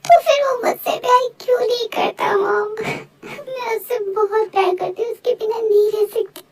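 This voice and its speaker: A woman's voice: extremely high pitch, brisk, a little mellow. A woman voicing an emotional young college girl in a fan voice-over drama. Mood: crying. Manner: emotional, sobbing when hurt.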